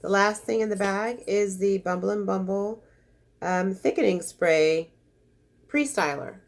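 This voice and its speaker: Speaking unhurriedly in a mid-range voice, a congested woman unboxes makeup samples as a beauty vlogger. She's chatty and effusive, though quick to feel disappointed.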